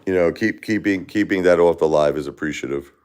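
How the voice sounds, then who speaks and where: A livestream host from Brooklyn, New York chats casually with viewers, rambling, repeating words, and answering chatters by name. His low voice is brisk, a little mellow, and clean in tone.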